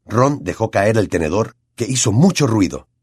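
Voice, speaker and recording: A male audiobook narrator with a Latin American Spanish accent, telling the story expressively. His pitch is mid, with a lively, swinging melody. The recording is close and dry, with no room sound. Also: moderate pace, breathy edge, no echo.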